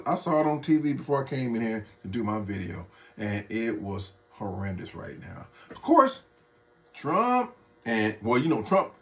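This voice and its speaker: A man delivering an off-the-cuff political rant to his viewers, heated, mocking and profane, addressing them as folks. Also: mid-range voice. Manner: talks straight to viewers as folks. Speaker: political vlogger.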